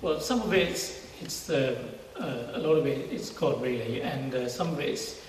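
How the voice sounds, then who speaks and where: In a large indoor church hall, a middle-aged Singaporean man, a university research scientist, is interviewed about his work for an informal testimony. He talks conversationally with a medium, expressive pitch and some halting phrases. The mic is far away in a very echoey hall, with faint noise.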